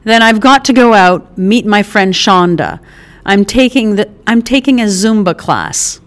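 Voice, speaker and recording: A woman reader voices a brash, affectionate middle-aged mother fresh out of prison, loud, bossy and teasing, and full of motherly endearments. Her medium-pitched delivery is very animated yet unhurried.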